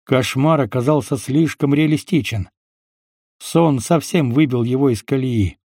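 Мужчина с хрипловатым голосом читает аудиокнигу. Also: male voice, mid-range voice, a little slow, warm tone, no room sound, clean studio sound. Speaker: audiobook narrator. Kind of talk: scripted narration.

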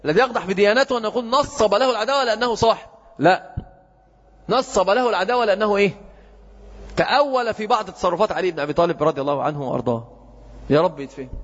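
A man's voice: sits high, rapid-fire. A man giving a classroom lecture on hadith, often quizzing his students with check questions. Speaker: hadith teacher. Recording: muffled echoey lecture hall.

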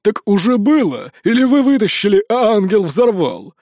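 A man voicing a gruff, bullying male dwarf gang leader in an audiobook, barking and sarcastic. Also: sits high, very animated, moderate pace, a little mellow, dry recording, studio quality. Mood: mocking. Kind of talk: audiobook character voice.

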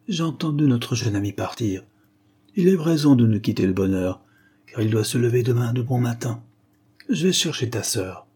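A man voicing a kindly old man who exclaims in a flustered way, his voice raised and husky. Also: medium pitch, lively intonation, normal speed, warm tone. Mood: calm. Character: kindly fumbling old man, startled and distraught.

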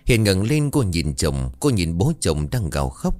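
A man's voice: low-pitched, very animated, normal speed, darkish tone, no room sound, faint music behind. A man narrating a ghost story in a dramatic, suspenseful style.

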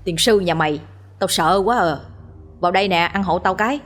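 A woman voicing a brash young male exorcist in a ghost story, talking quickly in a mocking, cheeky way. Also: fairly low pitch, natural voice.

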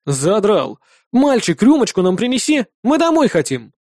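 A man's voice: sits high, sing-song, moderate pace, a little mellow, dry recording, clean studio sound, voice pushed up, heavily acted. A man voicing a coy, teasing young woman.

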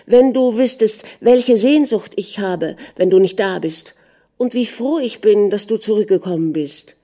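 Hurt young wife , read by a woman, pleading and indignant, warm voice. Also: mid-range voice, unhurried, voice pushed up, natural voice.

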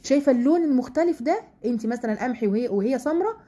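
A woman's husky, dark-toned voice sits high and has lively intonation as she gives women a casual Quran lesson in an Egyptian Arabic accent. She talks chattily with rhetorical questions and slows down to recite verses.

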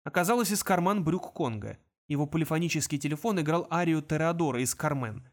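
A man narrates a story in a steady, even way. His scripted reading keeps an unhurried storytelling flow. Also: fairly high pitch. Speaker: audiobook narrator.

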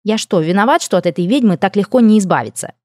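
A cheeky little male familiar complains and tattles in a whiny way, as a woman reads him. It is a storybook reading with a mellow, dry sound. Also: mid-range voice, lively intonation, fast talker, no echo, natural voice.

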